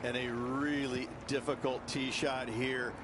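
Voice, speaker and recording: A man's voice: mid-range voice, level tone, measured pace, noisy background. A man giving instructive golf course analysis as game commentary, speaking directly to the player. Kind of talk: sports commentary in a video game. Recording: loud outdoor ambience behind commentary. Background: loud outdoor ambience.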